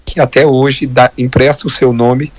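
A hoarse Brazilian man, a doctor giving a measured, didactic health column on live radio. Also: medium pitch, flat delivery, a little mellow, no echo. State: hoarse from viral laryngitis.

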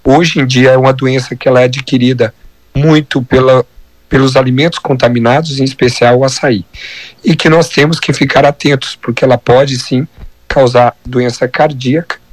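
A hoarse Brazilian man, a doctor giving a measured, didactic health column on live radio. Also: medium pitch, steady tone, no room sound, low-quality recording. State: hoarse from viral laryngitis.

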